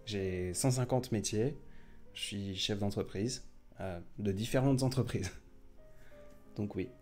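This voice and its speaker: A man with a fairly low voice hosts a casual late-night live stream. He rambles and restarts as he answers viewers. Faint music plays in the background. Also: warm tone. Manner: chatty, rambling, many fillers and restarts.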